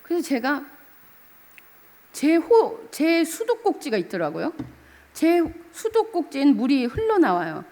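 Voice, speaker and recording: A woman's voice: high-pitched, wildly swooping pitch, unhurried, long pauses, dark tone, in a large hall. A middle-aged woman pastor preaching a sermon, telling a story and asking the congregation for amens. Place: church sanctuary.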